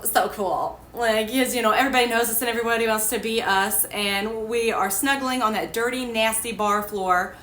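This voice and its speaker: A young woman who hosts a ministry shares her personal testimony chattily and candidly, laughing at her past. Her voice is on the high side with a sharp tone, recorded in an echoey room with faint ambience.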